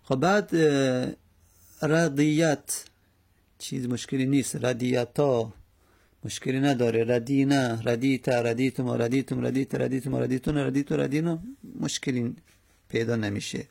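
Gravelly man methodically teaching grammar. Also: mid-range voice, steady tone, darkish tone. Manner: methodical, repeats word forms aloud. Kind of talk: Arabic morphology lesson.

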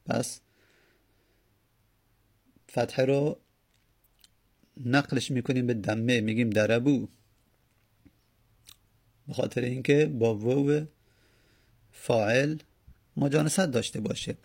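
Man, grammar teacher, gravelly, husky, slow and repetitive explaining. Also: medium pitch, darkish tone. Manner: slow, explanatory, repeats and spells out word forms. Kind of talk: Arabic grammar lesson in Persian.

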